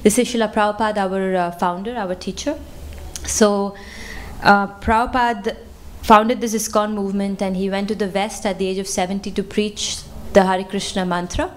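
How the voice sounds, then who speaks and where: Woman, temple lecture, conversational, fillers, interactive, mid pitch. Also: steady tone, moderate pace. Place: temple hall.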